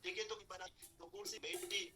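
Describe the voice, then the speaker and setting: A man teaching a spoken English class, repeating example sentences slowly and urging his students to practise and work hard. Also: high-pitched, sing-song, pushed and bright, poor audio. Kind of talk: online language class explaining grammar.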